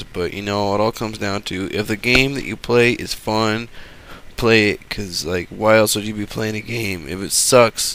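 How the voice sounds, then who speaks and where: A man with a lowish, gravelly voice talks over gameplay footage. His commentary is casual, rambling and sarcastic, and it is peppered with profanity. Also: a bit bright, slight background noise.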